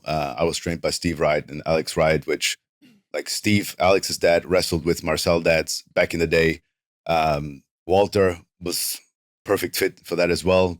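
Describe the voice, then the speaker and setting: A professional wrestler in his thirties, from northern Italy, speaks with a South Tyrolean German-Italian accent, his first language being a German dialect. As a studio interview guest he chats in a relaxed, rambling way and leans heavily on "like." His voice is low, and the studio-quality recording has no echo.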